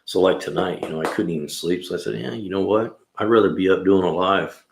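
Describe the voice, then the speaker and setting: Gravelly and low, this mechanic's voice runs a little fast as he hosts a laid-back livestream from his garage. In his sixties, he rambles comfortably, sprinkling in "man" and "you know," and the room sounds echoey.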